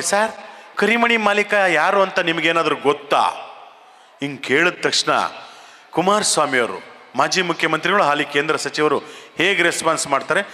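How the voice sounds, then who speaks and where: A man, a mimicry comedian, telling comic stories on stage into a handheld mic in a chatty, animated way. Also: fairly high pitch. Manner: chatty, animated, quick asides. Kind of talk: stand-up storytelling. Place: event hall stage. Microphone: handheld mic through PA. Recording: stage mic in a reverberant hall.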